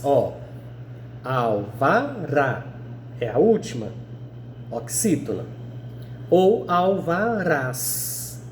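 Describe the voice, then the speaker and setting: A Brazilian man teaching a video lesson to sixth graders, checking in with the class as he explains and stretching out words to spell them slowly. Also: on the high side, a little mellow, a little hiss or hum. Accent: Brazilian Portuguese.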